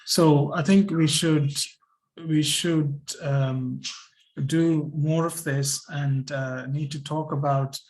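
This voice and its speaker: A man speaking at an online panel in an earnest, halting way with many fillers. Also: fairly high pitch, fairly even intonation, a little mellow, low-quality recording. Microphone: video call.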